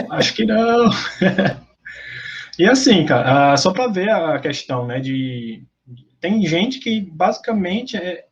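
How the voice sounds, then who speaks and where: Brazilian-accented male lecturer, halting explanatory delivery, muffled lo-fi call audio. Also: mid-range voice. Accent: Brazilian Portuguese. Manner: explanatory, frequent fillers and self-corrections. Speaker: lab meeting presenter. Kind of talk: academic lecture with discussion.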